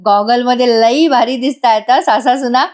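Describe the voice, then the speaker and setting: A woman recapping a TV serial episode in a voice-over review, chatty and excited, laughing often. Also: on the high side, moderate pace.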